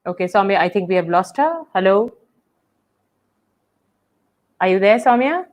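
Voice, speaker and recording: On a video call, a woman hosts a webinar in a casual, conversational way. Her medium-pitched voice is expressive and a little mellow, at a normal speed. She speaks thoughtfully but with many fillers and restarts.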